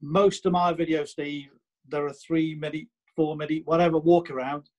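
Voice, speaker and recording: A man's voice: on the high side, fairly even intonation, moderate pace, a little mellow, low-quality recording. A man with a Stoke-on-Trent accent chatting casually on a podcast, emphatic and repeating his points with plenty of "you know".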